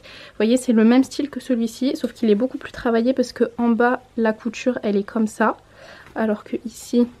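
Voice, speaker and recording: Her voice is on the high side with a dark tone. She's a mom vlogger in her twenties, filming a casual haul vlog in a room at home by a window, showing off clothes to the camera and fixing her own slips as she talks.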